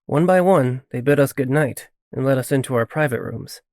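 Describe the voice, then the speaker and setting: A man reading a first-person fantasy audiobook in a steady storytelling voice. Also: medium pitch, moderate pace, dry recording, studio quality. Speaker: audiobook narrator. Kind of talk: first-person fiction narration.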